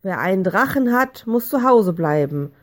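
Woman doing a serious, calm father. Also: mid-range voice, normal speed, natural voice. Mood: loud announcing. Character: worried father explaining calmly.

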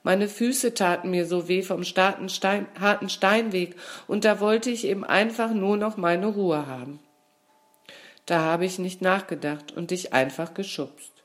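A woman voicing a young male caterpillar friend, pushy and quick to shout, in a storybook. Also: mid-range voice, voice pushed up, natural voice. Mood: sorry. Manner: loud, insistent, raised voice.

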